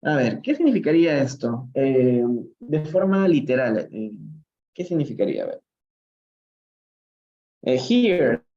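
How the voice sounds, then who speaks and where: Heard with the highs cut off, this man's warm, mid-range voice swoops wildly in pitch. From Peru and speaking with its accent, he teaches a live-streamed English reading lesson, slowly explaining phrases in Spanish and English and regularly checking in with "¿no?".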